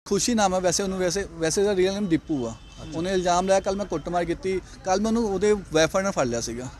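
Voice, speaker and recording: Agitated young man, rapid-fire. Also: sits high, animated, a little mellow. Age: young adult. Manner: agitated, rapid, repeats himself. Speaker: interviewee. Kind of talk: street interview.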